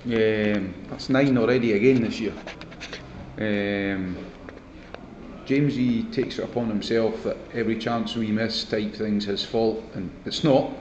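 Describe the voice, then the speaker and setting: A man's voice: lowish voice, fairly even intonation, a little slow, darkish tone. A Scottish man giving a post-match interview as a football manager, plain-spoken, emphatic and full of praise. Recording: muffled, echoey, faint background noise.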